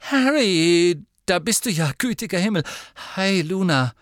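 A man voicing a quick, earnest teenage schoolgirl witch who talks in a brisk, matter-of-fact way. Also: mid-range voice, lively intonation, fairly bright tone, dry recording, studio quality, natural voice. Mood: relieved.

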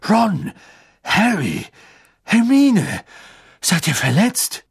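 An anxious, protective middle-aged father who shouts in alarm, as an audiobook reader puts him on. The voice is husky and leaps widely in pitch. It is a character in a spoken storybook. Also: big pitch swings, drawn-out words, exaggerated voice.

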